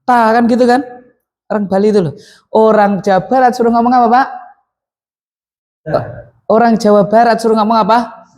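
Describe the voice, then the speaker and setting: High-voiced man teaching a class. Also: steady tone, normal speed, pauses often, darkish tone. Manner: questions the class, answers himself, mixes in Javanese words. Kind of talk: classroom lesson on Arabic grammar.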